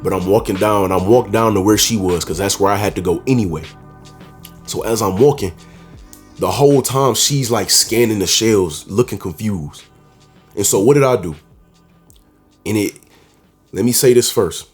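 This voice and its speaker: A man's voice: fairly low pitch, normal speed, pauses often, slightly rough, soft background music. A man talking casually to camera, giving dating advice in a confident, slangy way and often calling the listener "bro". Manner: confident, emphatic.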